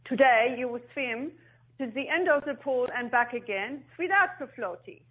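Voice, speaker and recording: A woman's voice: high-pitched, animated, moderate pace, a bit bright, breathy edge, pitched above the performer's own voice, exaggerated voice. A woman voicing her stern, towering father as he gives her firm, insistent orders, on a slightly dull lo-fi recording. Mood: commanding.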